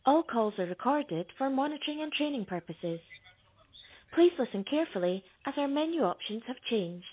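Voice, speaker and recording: A woman reading a recorded phone menu message in a measured, formal way. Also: mid-range voice. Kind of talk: scripted automated announcement. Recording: tinny phone line with faint hiss.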